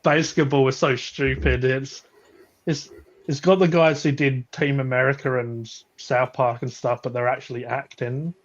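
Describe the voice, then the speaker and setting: A man's voice: medium pitch, steady tone, normal speed, muffled recording. A man chatting casually about films on a live stream, rambling with frequent restarts and laughs. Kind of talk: casual chat.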